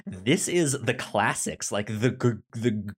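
A man co-hosting a podcast talks casually about a movie in a halting way, often stuttering and repeating words and syllables. His fairly low voice is husky, with lively intonation.

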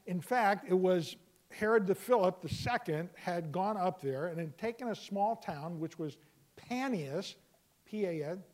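A man with a notably high voice leads a verse-by-verse Bible teaching. He explains each point patiently and circles back to repeat key phrases. Now and then he bursts into loud exclamations.

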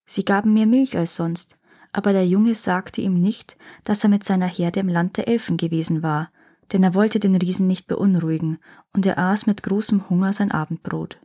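A woman reading a fairy tale aloud, calm, with the dialogue gently acted. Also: mid-range voice, moderate pace. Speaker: storyteller.

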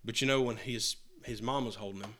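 A man preaching a sermon to a congregation. He talks earnestly, repeats and restarts phrases, and swings between loud and soft. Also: lowish voice, fairly quick. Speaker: pastor. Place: church hall with a congregation answering.

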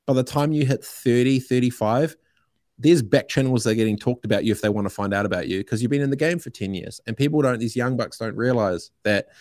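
A middle-aged man from New Zealand talks as a podcast guest in a casual, opinionated conversation, emphatic and heavy on slang and profanity. His medium-pitched voice moves fairly quickly and has a darkish tone, on a clean, dry studio recording.

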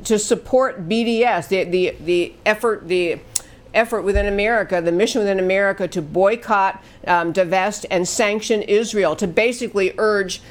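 A woman's voice: medium pitch, moderate pace. A middle-aged woman hosting a political talk show, delivering emphatic, indignant commentary that repeats its points.

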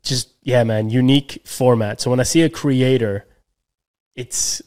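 Man, casual podcast chat, medium pitch, slangy, restarting sentences. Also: fairly even intonation, measured pace, darkish tone. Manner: loose, slangy, lots of restarts and fillers. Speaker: podcast co-host.

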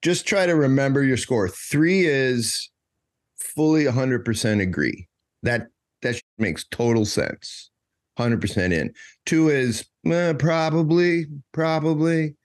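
A man hosting a podcast in casual interview chat, talking in a halting way as he thinks aloud. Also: mid-range voice. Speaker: podcast host.

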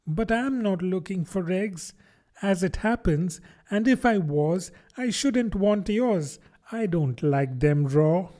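Man voicing a little girl, high light voice, polite, earnest, doubtful, storybook. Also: lively intonation, slow, dark tone. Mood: protesting. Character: truthful, puzzled little girl. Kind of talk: audiobook character voice.

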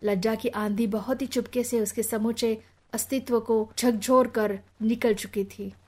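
A woman reading a literary novel aloud as an audiobook narrator. Her voice sits fairly high, and her delivery stays even and literary throughout. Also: unhurried. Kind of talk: scripted narration.

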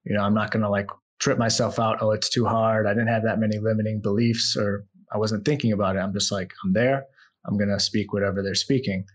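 An American man appears as a podcast guest, telling his life story in a relaxed, reflective manner. He talks a little fast, and his voice drops low and soft whenever he muses.

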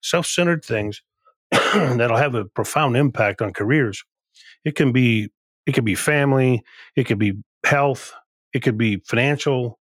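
A mid-range male voice, free of room sound, belongs to a company CEO on a podcast. He's emphatic about leadership, frequently restarting and repeating phrases as the interview stays conversational.

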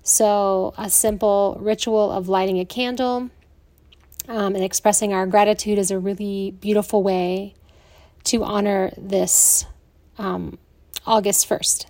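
A woman's voice: mid-range voice, steady tone, unhurried, darkish tone, no echo. American woman explaining, in a dry recording. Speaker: yoga nidra teacher. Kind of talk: informal spoken explanation.

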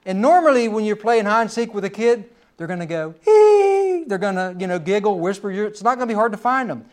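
A man's voice: high-pitched, fast. A middle-aged man preaching a sermon in a folksy storytelling way, with personal asides.

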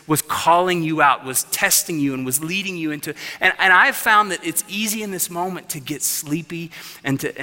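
A man in his thirties preaching a sermon as pastor, passionate, dropping to a hush and then rising loud. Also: fairly high pitch. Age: 30s. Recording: reverberant hall.

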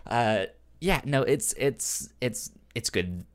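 A podcast host chats casually about comic books in a medium-pitched voice. He has a stutter that repeats sounds and syllables, making his animated delivery halting.

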